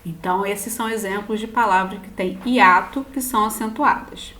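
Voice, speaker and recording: A woman's voice: medium pitch, moderate pace, pushed and bright, slight background noise. A woman teacher with a Brazilian Portuguese accent gives a recorded lesson, patiently spelling out word endings one at a time. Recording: roomy echo.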